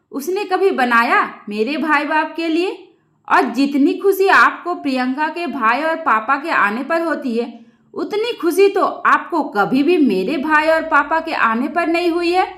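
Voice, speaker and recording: A woman's voice: sits high, sharp tone, heavily acted. A woman voicing a defiant young daughter-in-law who scolds in an angry outburst.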